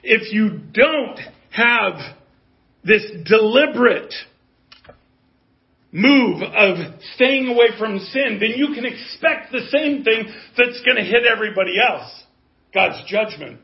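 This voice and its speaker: A man's voice: sits high, expressive, slow. A man in his fifties preaching a sermon in an earnest, conversational way, rising to emphasis. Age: 50s. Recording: dull lo-fi audio.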